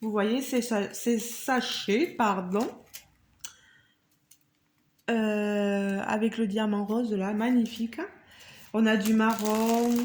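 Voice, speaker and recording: A woman's voice: mid-range voice, a little mellow, echoey room, a little hiss or hum. A woman vlogger chatting to her viewers as she unboxes a craft kit, marvelling at each item. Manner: chatty, addresses viewers directly; marvels at the items she shows. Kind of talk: casual unboxing vlog.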